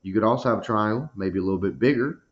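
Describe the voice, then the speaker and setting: A man's voice: on the low side, fast. A man teaching a recorded math lesson, walking through each step and checking in with a frequent "okay?". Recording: dull lo-fi recording.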